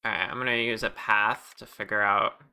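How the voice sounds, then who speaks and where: A streamer chatting casually while working on a 3D model, thinking aloud in a relaxed way. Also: mid-range voice, brisk, smooth. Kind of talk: casual live-stream chat.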